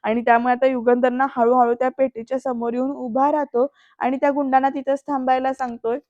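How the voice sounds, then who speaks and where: A woman recaps a TV serial in a casual, chatty voice-over and talks straight to her viewers. Her voice is a little high and stays quite flat. The recording is dull, dry and lo-fi, close to the mic. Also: fairly quick, no room sound. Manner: chatty, addresses the viewers directly, acts out quoted lines. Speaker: serial episode reviewer.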